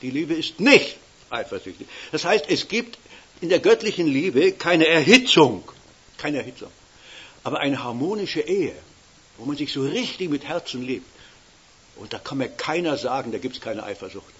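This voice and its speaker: A man's voice: fairly high pitch, animated, moderate pace, fairly bright tone, slightly rough, highs cut off. An elderly man preaching a sermon in a folksy way, often checking with his listeners. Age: older. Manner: folksy, keeps tagging "nicht?".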